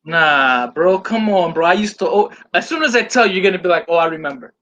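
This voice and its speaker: Man hosting a live stream, bright voice, fairly high pitch, loose and joking. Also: animated, a little fast, muffled recording. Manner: loose and joking, reading out chat comments. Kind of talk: casual live-stream chat.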